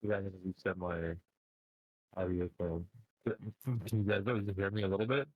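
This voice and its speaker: A man's voice: low voice, moderate pace, dry recording. A man playing in a tabletop game over a voice call, his audio garbled and breaking up as if underwater, speaking hesitantly. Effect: garbled underwater-sounding call audio. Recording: muffled, distant garbled call line.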